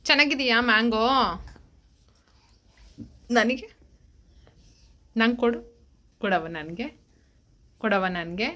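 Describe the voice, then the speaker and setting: High-voiced woman coaxing a toddler. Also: lively intonation, slow, pauses often, pushed and bright. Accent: Kannada. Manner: coaxing, sing-song baby talk. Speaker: vlogger parent. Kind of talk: casual talk with a toddler. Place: home.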